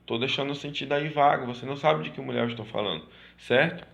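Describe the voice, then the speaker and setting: A man teaching a grammar lesson, repeating points and checking in with quick tag questions. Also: medium pitch, creaky, a bit bright, highs cut off. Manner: repetitive, checks in with "certo?" and "tá?".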